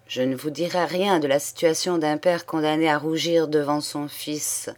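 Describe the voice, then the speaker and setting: A woman's voice: low-pitched, steady tone, moderate pace, close to an everyday voice. A woman reading the part of a haughty old nobleman, a count who speaks firmly and with cold contempt. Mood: stern. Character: haughty old male count, proud aristocrat. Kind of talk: audiobook character reading.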